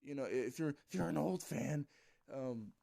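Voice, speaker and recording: A man's voice: mid-range voice, a little slow, vocal fry, warm tone. Rambling casual man telling a story. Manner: rambling, swears casually, many fillers. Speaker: gaming YouTuber.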